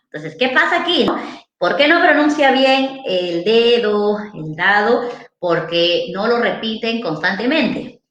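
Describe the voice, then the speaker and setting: A woman's voice: on the high side, lively intonation, slow pace, fairly bright tone. A woman, a psychologist giving an informal seminar and answering questions in a conversational way, often ending phrases with tag questions. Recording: echoey room.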